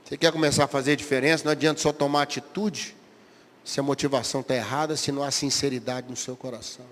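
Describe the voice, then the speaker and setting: A man with a Brazilian Portuguese accent preaching a sermon as a pastor, acting out prayers and replies with big swings in loudness. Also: mid-range voice, fairly even intonation, fast, long reverb tail.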